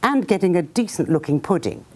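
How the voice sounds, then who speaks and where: A woman voicing a friendly male talking lamb in a storybook reading, calm and reassuring. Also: lowish voice, brisk.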